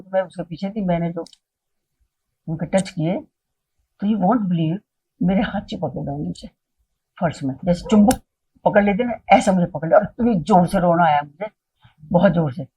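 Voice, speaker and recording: A woman's voice: lowish voice, fairly quick, mellow, slightly rough, poor audio. A woman sharing her personal devotional experiences, retelling events vividly and acting out the dialogue, slipping English phrases into her talk. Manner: mixes English phrases into Hindi. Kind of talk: personal storytelling.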